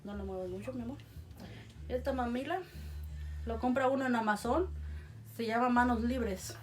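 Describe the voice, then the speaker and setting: Mother, gentle coaxing home-video talk, filmed on a phone, voice a bit high. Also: moderate pace, a little hiss or hum. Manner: soft coaxing, repeats endearments to the baby. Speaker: mother feeding her baby. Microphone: phone held by someone else.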